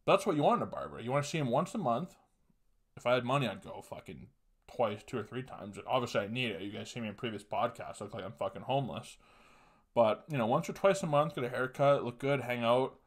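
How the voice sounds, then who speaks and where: A man's voice: mid-range voice, fast talker. A young man from Canada hosting a podcast, telling rambling, profane comic stories in a casual way, recorded at home on a webcam. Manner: rambling, profane, animated storytelling. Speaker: podcast host. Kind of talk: casual comedic storytelling. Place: small room at home, indoors.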